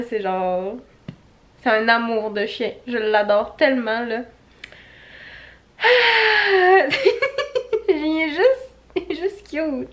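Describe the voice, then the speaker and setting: A Québécois woman casually vlogging at home on her couch, chatty, laughing often and cooing at her dog. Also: sits high. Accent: Québécois French. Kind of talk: casual home vlog talk.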